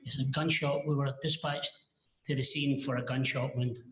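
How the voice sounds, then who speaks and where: A man gives testimony as a paramedic in a courtroom recording. He speaks plainly and haltingly at a mid pitch, pausing to find his words. The sound carries the echo of a large courtroom. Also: level tone, fairly bright tone, a little hiss or hum. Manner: halting, hesitant, plain-spoken.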